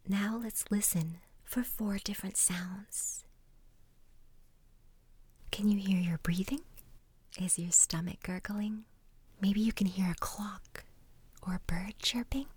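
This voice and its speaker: A woman guiding a relaxation exercise in a soft, soothing ASMR whisper, breathy and gentle, close to the microphone. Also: medium pitch, no echo. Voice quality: breathy, unvoiced. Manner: slow, unhurried instructing with pauses.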